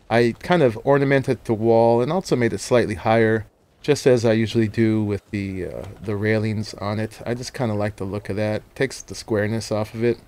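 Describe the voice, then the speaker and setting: A man's voice: mid-range voice, a little mellow, clear, resonant tone. A man hosting a game let's-play, talking casually through his gameplay, laughing often and explaining as he goes.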